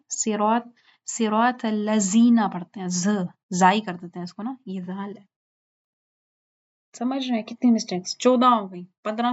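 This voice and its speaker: A woman teaching tajweed, explaining in mixed with English and reciting verses slowly to show mistakes. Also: medium pitch. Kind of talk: informal online lesson. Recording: dull lo-fi recording.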